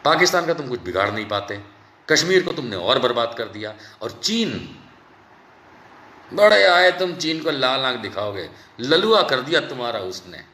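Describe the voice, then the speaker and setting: A man's voice: medium pitch, big pitch swings, normal speed, sharp tone, roomy sound. A man giving an angry political rant, mocking and scolding in a sarcastic way. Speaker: political commentator.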